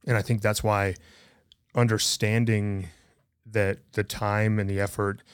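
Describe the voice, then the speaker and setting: Earnest guy on a podcast, lowish voice, dry close sound. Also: level tone, a little slow, clear, resonant tone, dry recording. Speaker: podcast co-host. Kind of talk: casual conversation.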